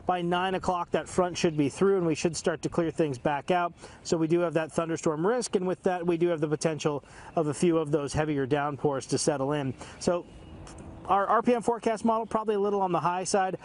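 Male TV meteorologist, thirties, slightly high voice, conversational live forecast delivery. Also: fairly even intonation, fairly quick. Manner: conversational, fluent broadcast delivery. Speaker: television meteorologist. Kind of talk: live weather forecast presenting. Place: outdoors in a city park.

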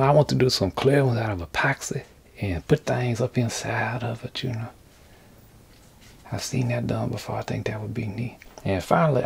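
A man's voice: mid-range voice, vocal fry, darkish tone, husky. A man hosting a casual workshop vlog, rambling in a folksy, joking way to his viewers. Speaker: craft channel host. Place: indoor workshop.

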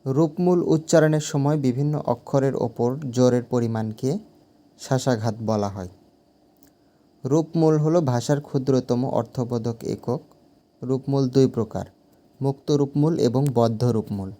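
A man teaching a grammar lesson as an exam answer, deliberate and repeating phrases to correct himself. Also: mid-range voice, mellow.

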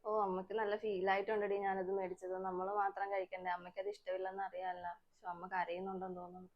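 A woman's voice: mid-range voice, completely flat delivery, fast, muffled recording, voice pushed down, natural voice. A woman voicing a curt, grumbling young husband who always sides with his mother, in a comedic family skit. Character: young husband, gruff, dismissive, mother's boy.

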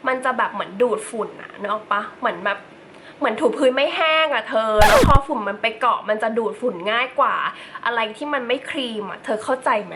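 A young woman talks through a makeup tutorial in a loose, chatty way, tossing playful asides to her viewers. Her voice is bright and forward, sitting a little high. Faint room noise hums behind her. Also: rough recording. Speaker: beauty vlogger. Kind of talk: casual makeup tutorial chat.

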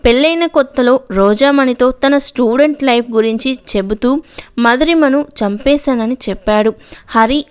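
Woman narrating with a crisp voice. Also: a little high. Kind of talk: storytelling narration.

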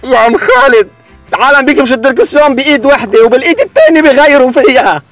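A Lebanese man in a comedy sketch, talking fast and exasperated. His voice sits high, with faint music underneath. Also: very animated, a bit bright.

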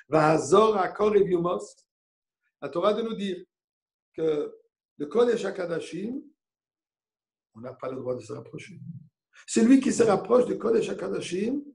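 A man's voice: sits high, creaky, darkish tone. A man giving a Torah lesson as a rabbi, telling a story and answering his own questions, with Hebrew terms mixed in. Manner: mixes Hebrew terms into French.

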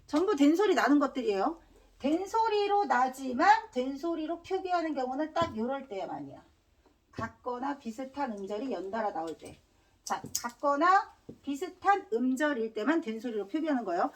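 A high-pitched woman teacher lectures with a lively, swooping voice, firing quick repeated questions at her class and dropping casual slang between points. She sounds a little distant from the microphone. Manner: drills students with repeated questions. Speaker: Korean language teacher.

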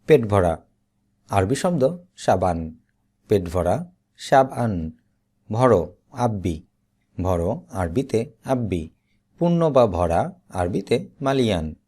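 Slow, lively-voiced man drilling vocabulary. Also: slightly rough. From Bangladesh. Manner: slow, deliberate repetition with lively pitch. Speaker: Arabic teacher. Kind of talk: slow vocabulary drill, each word said twice.

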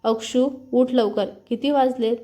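Shy young bride, read by a woman, soft and polite, higher voice, mellow tone, storybook reading. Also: steady tone, a little slow, close to an everyday voice. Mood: gentle. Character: young newlywed wife, shy and gentle.

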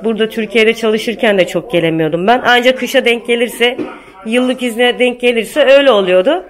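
A woman's voice: fairly high pitch, moderate pace. A young woman vlogger chatting casually with her family at home, encouraging and talkative.

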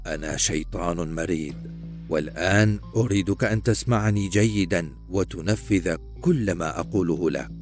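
Sly old male demon, hissing and quiet, low and mocking, voiced by a man. Menacing storybook villain. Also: moderate pace, faint music behind, natural voice. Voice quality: hissing, whispery.

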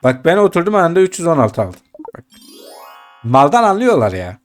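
A man's voice: a little high, big pitch swings, moderate pace, faint music behind. A man talking through a video game for his channel in a loose, chatty way. He speaks straight to his viewers and keeps muttering complaints and curses at what happens on screen. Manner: chatty, addresses viewers, grumbles and swears at the game. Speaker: gaming YouTuber. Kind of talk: casual gameplay commentary.

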